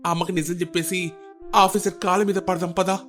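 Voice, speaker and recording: A man voicing an anxious grown son pleading with his mother in an animated story. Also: high-pitched, a little fast, soft background music. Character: worried grown son, young husband.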